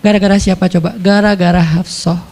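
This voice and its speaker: A man from Indonesia preaching in a relaxed, playful storytelling way, laughing now and then. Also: high voice, brisk. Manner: chatty, playful, laughs often. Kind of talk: casual storytelling sermon.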